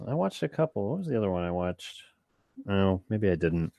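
Wry lower-voiced man co-hosting. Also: sing-song, a little fast, gravelly, dark tone, slight background noise. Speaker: podcast co-host. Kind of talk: casual chat.

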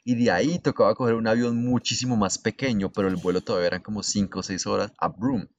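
A man's voice: lowish voice, fairly even intonation, fast talker, dry recording, highs cut off. A young adult man with a Colombian accent, telling a story in casual chat with crude slang.

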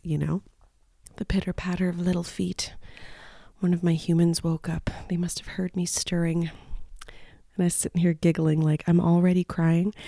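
A woman's voice: deep voice, vocal fry, mellow, dry recording, studio quality. A woman in her thirties hosting a podcast, rambling nostalgically with many fillers and fighting back tears. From Canada. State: close to tears. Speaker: podcast host. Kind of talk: emotional personal monologue.

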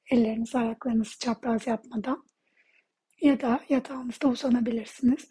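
Very breathy, soft-spoken woman leading meditation. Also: a little high, low-quality recording. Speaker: guided healing session leader.

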